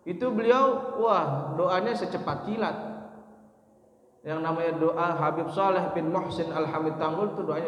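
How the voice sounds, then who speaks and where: A man preaching at a dawn mosque gathering, telling a story with acted quotes and asking the congregation questions. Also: sits high. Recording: echoey mosque hall.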